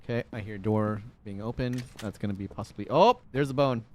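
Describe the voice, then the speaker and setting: A man's voice: fairly low pitch, brisk, a little mellow, a little hiss or hum. Man chatting casually on a game stream. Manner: rambling, jokey, swears casually. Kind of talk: casual gaming stream chat.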